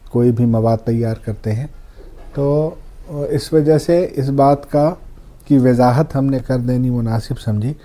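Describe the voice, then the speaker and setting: A man's voice: mid-range voice, warm tone. A man, a guest poet, talking about poetry in a humble, courteous way and quoting verse. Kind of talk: reflective conversation on poetry.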